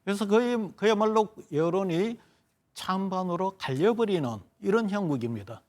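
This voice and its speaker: A man with a somewhat high voice, taking part in a televised current-affairs panel as a pollster. He lays out survey numbers in long, measured, analytical explanations. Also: expressive, darkish tone. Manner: analytical, explains figures at length.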